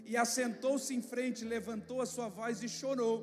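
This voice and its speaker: A man preaching an evangelical sermon as pastor, surging into shouts and leading his church in call-and-response. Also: extremely high pitch, fairly even intonation, a little slow. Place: church sanctuary. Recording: long church reverb with music behind.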